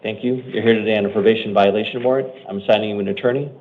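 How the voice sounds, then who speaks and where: A man's voice: on the low side, steady tone. Matter-of-fact American male judge, phone-like sound. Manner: brisk, matter-of-fact, routine delivery. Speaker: judge or commissioner at initial appearance hearings. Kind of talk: procedural courtroom announcements. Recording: muffled phone-like courtroom audio.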